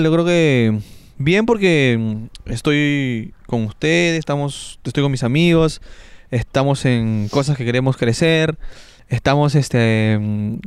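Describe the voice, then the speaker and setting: Young Peruvian man, smooth dry voice. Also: fairly high pitch, no echo. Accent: Peruvian Spanish. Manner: relaxed, hesitant, thinks aloud with fillers. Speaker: podcast guest. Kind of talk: casual chat.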